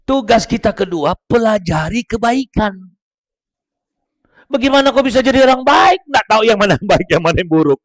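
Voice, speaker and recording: Animated man giving a joking talk. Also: sits high, normal speed. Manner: joking, coaching audience members one by one. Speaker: motivational speaker. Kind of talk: lively religious motivational talk to a group.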